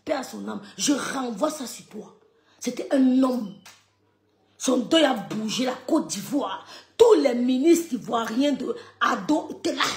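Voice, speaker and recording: A woman's voice: high voice, roomy sound. A woman, ranting on a live stream at online critics in a scornful, mocking way with repeated insults. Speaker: social media live streamer. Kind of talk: heated rant at online critics.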